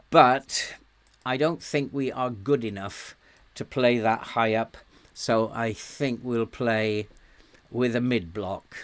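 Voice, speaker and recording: While streaming a management game, this man talks through his thinking, says hello to viewers, and lets out frequent ums and quiet chuckles. His voice has a medium pitch and a clean tone, though a sore throat is making him lose it.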